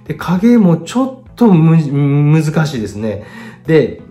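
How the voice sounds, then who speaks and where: Chatty middle-aged Kansai man critiquing art. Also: a little slow. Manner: chatty, lively swings in pitch and loudness, self-deprecating asides. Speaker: painter critiquing viewers' artworks.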